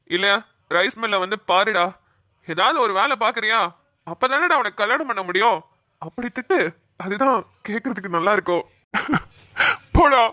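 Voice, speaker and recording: A woman's voice: mid-range voice, bright, forceful tone, no echo, studio quality, lightly acted. A woman voicing a playful, teasing young man in a cartoon. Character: joking young man recovering in hospital. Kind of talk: cartoon voice acting.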